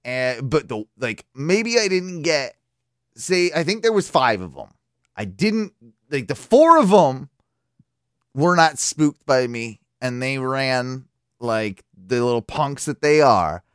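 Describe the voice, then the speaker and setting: Brief: male radio host, lively swooping pitch, dry close sound, profane rambling storyteller. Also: slow, clean tone, dry recording. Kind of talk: casual storytelling chat.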